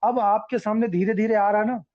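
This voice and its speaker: A man's voice: high-pitched, fairly even intonation, brisk, lo-fi sound. A man leading his team on a group call, talking earnestly and repeating his points with examples. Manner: earnest, repetitive, explains with examples. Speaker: team leader addressing members. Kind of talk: online group call talk.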